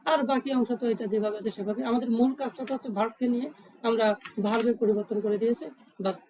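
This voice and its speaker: Fast-talking woman teaching grammar. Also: fairly high pitch, steady tone, warm tone, a little hiss or hum, low-quality recording. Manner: asks questions and answers them herself, repeats key points. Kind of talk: explaining grammar rules step by step.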